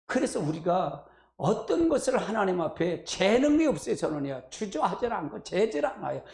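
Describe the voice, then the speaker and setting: A middle-aged man preaches at a prayer meeting with a gravelly voice. His pitch swings widely as he prompts the congregation to repeat after him and drifts into personal asides. The sound rings around an echoey church room. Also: very animated, normal speed, darkish tone. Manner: folksy, call-and-response preaching with asides. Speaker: pastor. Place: church sanctuary.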